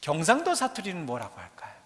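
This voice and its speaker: Priest preaching with bright church echo. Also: male voice, fairly high pitch, wildly swooping pitch, fast. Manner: conversational, joking, asks the congregation questions. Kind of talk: sermon. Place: large church. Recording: church hall reverb.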